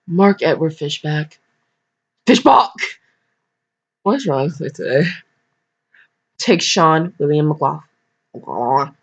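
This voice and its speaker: A low, breathy-edged female voice reads fan fiction in a relaxed way, stumbling and self-interrupting with chatty jokes. The recording has a dull lo-fi mic sound.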